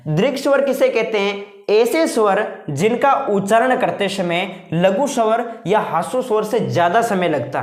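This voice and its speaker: Male teacher, video lesson in an echoey room. Keeps asking questions and answering them, slow repetition. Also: high-pitched. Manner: asks rhetorical questions and answers them, repeating terms slowly; calls viewers friends. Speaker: Hindi grammar teacher. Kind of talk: video lesson explaining at a board. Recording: roomy echo.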